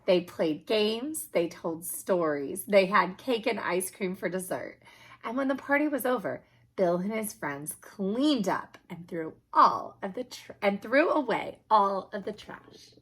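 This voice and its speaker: Here a slightly husky, mid-range female voice delivers a picture book for kids, unhurried and full of expressive emphasis.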